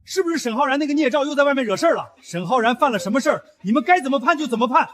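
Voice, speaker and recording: A man's voice: very high voice, animated, racing, a bit bright. An actor playing an older father, bitter and harsh as he disowns his son.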